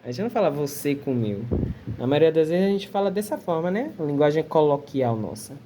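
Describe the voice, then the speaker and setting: A woman's voice: sits low, expressive, quick pace, background noise. A Portuguese-speaking woman teaching an online Arabic lesson, patiently repeating words and checking in with her students. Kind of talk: relaxed online language lesson.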